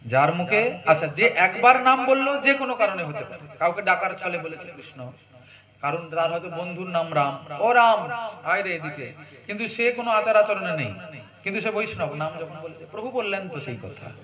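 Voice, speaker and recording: A man's voice: high voice, expressive, moderate pace. A man giving a devotional sermon, telling stories and singing verses between plain explanation. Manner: storytelling, sings verses and chants. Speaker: preacher. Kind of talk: devotional discourse. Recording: crowd noise in the background.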